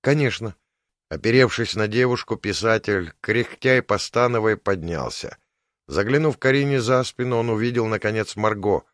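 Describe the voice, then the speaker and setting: A man reading an audiobook in scripted narration, measured and even. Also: lowish voice, no room sound, clean studio sound.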